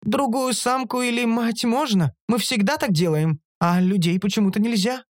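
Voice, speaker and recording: A man voicing a blunt, literal-minded female monster who talks in thoughts, calm and flatly reasoning. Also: high voice, moderate pace, dry recording, studio quality, pitched above the performer's own voice, close to an everyday voice. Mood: coolly reasoning. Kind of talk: audiobook character voice.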